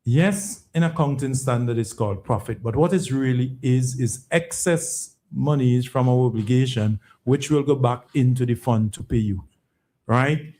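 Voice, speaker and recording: A man's voice: mid-range voice, warm tone. A man speaking as an executive guest on a phone-in, explaining policy emphatically, repeating words and often checking with a questioning tag. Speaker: pension fund chief executive, programme guest.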